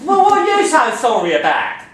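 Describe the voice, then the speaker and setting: A cocky Cockney lad, as a man acts him out, quick and mocking, pitched fairly high. His chirpy Cockney voice sounds distant from the mic, ringing in a roomy hall. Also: wildly swooping pitch, fairly bright tone, slight background noise, heavily acted. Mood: teasing. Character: cheeky proud Cockney man, young adult.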